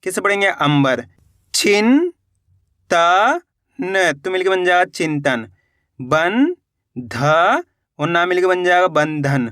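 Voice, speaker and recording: High-voiced man patiently spelling out syllables. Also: animated, takes it slowly, long pauses, fairly bright tone, dry recording, clean studio sound. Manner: patient, repetitive, drops pitch on each answer word. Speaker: Hindi reading teacher. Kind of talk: spelling out syllables slowly for learners.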